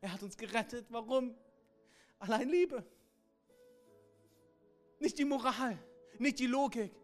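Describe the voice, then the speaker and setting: A man preaching a sermon as a pastor, telling a story dramatically and dropping suddenly quiet before swelling loud again. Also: very high voice, a little slow, soft background music.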